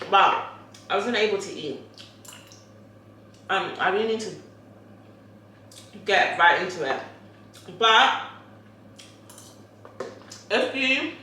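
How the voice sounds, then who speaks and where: A woman's voice: medium pitch, pushed and bright, a little hiss or hum. A woman vlogger chatting casually while eating, rambling with lots of fillers. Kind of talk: casual chat mukbang. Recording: very echoey room.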